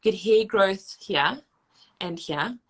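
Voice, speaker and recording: A woman, a registered dietitian explaining nutrition and hormones in fast, emphatic conversation with frequent restarts. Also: medium pitch, animated, breathy edge.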